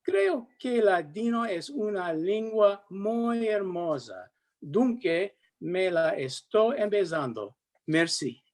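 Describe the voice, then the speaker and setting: Older man, high voice, slow halting learner's speech, careful. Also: very animated. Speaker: language student. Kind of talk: reading a dialogue and self-introduction.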